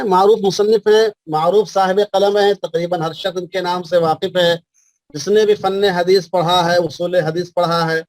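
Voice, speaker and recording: High-voiced male teacher dictating notes. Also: no room sound. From India. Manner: repeats references slowly for dictation, checks understanding often. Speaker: teacher of Islamic law. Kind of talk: classroom lecture dictating notes.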